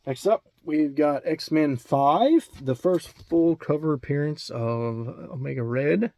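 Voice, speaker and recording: A man's voice: on the high side, slow, gravelly, darkish tone, no room sound. Rambling Alabama man with a dry, close sound. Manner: rambling, many ums and restarts. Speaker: comic book collector showing his collection. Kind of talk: casual video chat.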